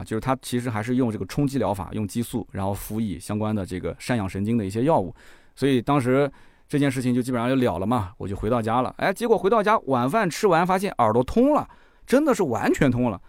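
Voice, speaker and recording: A man's voice: medium pitch, no echo, studio quality. A man, a car vlogger, casually tells a personal story and acts out the doctors he spoke with. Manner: animated, acts out the doctors' lines.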